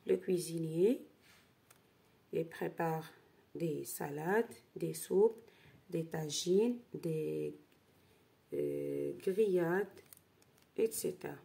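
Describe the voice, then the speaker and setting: Slow, gravelly-voiced woman teacher. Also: low-pitched, warm tone. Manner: spells out syllables, checks in with d'accord. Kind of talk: slow worksheet lesson.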